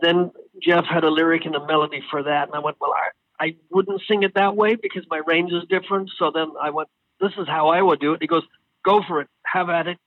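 A man being interviewed as a guest singer, telling stories in a casual, animated way and acting out what others said. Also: fairly high pitch, fast, no room sound. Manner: animated storyteller, acts out quoted exchanges. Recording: tinny phone line.

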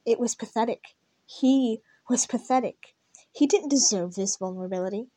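A woman reads a story aloud in a soft, mellow voice with little rise or fall. Her narration is even and unhurried. The recording is dry and close, with no room sound. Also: mid-range voice, no room sound. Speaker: reader. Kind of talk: fan fiction read-aloud.

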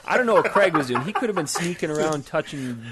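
A man's voice: on the high side, expressive, fast talker, a loud crowd. A man co-hosting a gaming podcast, joking around in crude casual banter. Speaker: podcast co-host. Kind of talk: casual chat.

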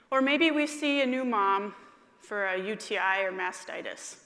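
A woman physician giving a talk to fellow doctors, clear and friendly with light humor. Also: mid-range voice, a bit bright. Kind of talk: conference talk. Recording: long hall reverb.

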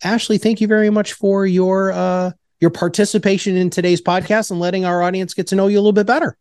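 A man's voice: high voice, little pitch movement, fast, darkish tone, clear, resonant tone, no room sound. A man speaking as a podcast host, with a polished announcer delivery. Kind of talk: podcast hosting and scripted outro narration.

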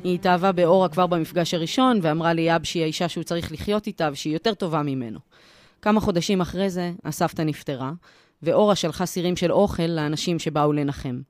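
A reporter narrating a documentary story in a calm, measured, scripted voice. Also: female voice, fairly low pitch, no room sound, studio quality.

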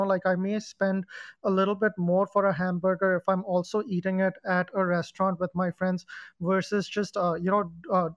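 A woman from Nepal politely and hesitantly asking questions on an audio panel, pausing often with fillers. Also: mid-range voice, no echo. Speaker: audience member, virtual kitchen owner. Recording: dry, muffled phone audio.

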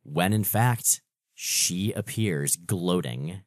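Expressive man, lowish voice, close and dry. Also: very slow, no room sound. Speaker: podcast co-host. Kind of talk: conversational comic-book recap.

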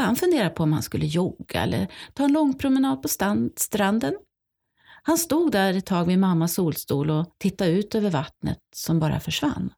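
A woman's voice: medium pitch, gravelly, mellow, husky, full character voice. Woman reading as a shaken girl survivor. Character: young Swedish girl recounting surviving a tsunami. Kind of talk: first-person testimony reading.

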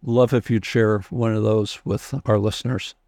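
A man hosting an interview, speaking in a deliberate, reflective conversational way. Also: on the low side, level tone, gravelly, a little mellow, no room sound, clean studio sound. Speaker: interview host.

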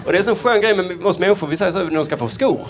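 A man doing a stand-up routine, telling absurd deadpan jokes and slipping into quick voiced asides. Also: high voice. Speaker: stand-up comedian. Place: comedy stage before a live audience. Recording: stage mic with loud audience laughter.

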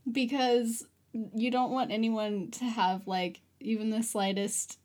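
A woman's voice: a little high, fairly even intonation, a little mellow. Woman co-host, playful and teasing, casual banter. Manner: teasing, quick to laugh. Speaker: podcast co-host. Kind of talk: casual chat.

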